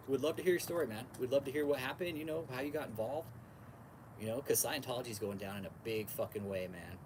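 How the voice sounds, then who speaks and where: With a mid-range voice and background noise around him, an American podcast and livestream host from California chats with his viewers. He's laid-back, using slangy bro-talk, repeating phrases and swearing plenty.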